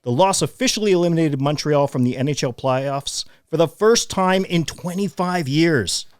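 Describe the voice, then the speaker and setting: A man's voice: fairly high pitch, normal speed, smooth, no room sound, clean studio sound. A man co-hosting a casual sports podcast, who laughs often as he reads sports trivia. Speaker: podcast co-host.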